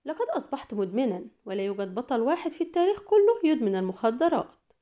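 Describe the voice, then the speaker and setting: Brief: woman reading a taunting villain, mellow higher voice, storybook thriller. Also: very animated, fast talker. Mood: mocking. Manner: mocking, taunting. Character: sneering tall lean male villain agent.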